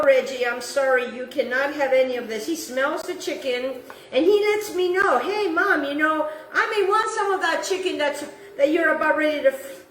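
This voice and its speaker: In an echoey home kitchen, a woman from Italy whose first language is Italian cooks on camera and chats casually, addressing the viewer and repeating herself. Her voice sits high and a bit bright. She's far from the mic, with slight background noise.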